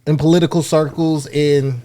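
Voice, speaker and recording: American guy on a podcast, kinda high voice, earnest and blunt, goes on in long runs. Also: level tone, moderate pace, mellow. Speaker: podcast co-host. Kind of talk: casual debate chat.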